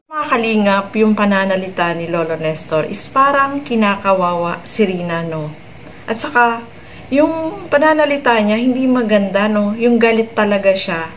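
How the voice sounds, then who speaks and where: A woman's voice: mid-range voice, animated, normal speed, slight background noise, rough recording. A woman hosting a vlog, giving chatty commentary to her viewers and ending many remarks with tag questions. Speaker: vlog host commenting on a clip.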